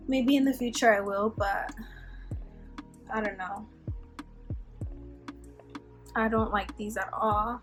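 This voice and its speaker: A young woman vlogger doing a casual product review, chatty and frustrated, fills her talk with "like" and swears when annoyed. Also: fairly high pitch. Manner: frustrated and irritated. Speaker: beauty vlogger.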